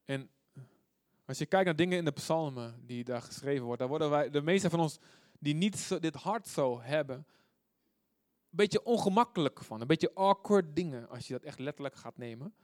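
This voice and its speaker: A man preaching a sermon, reading scripture out loud with force and dropping to quiet asides, often putting questions to his listeners. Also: on the high side, animated, normal speed, no room sound, clean studio sound. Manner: asks the audience questions often.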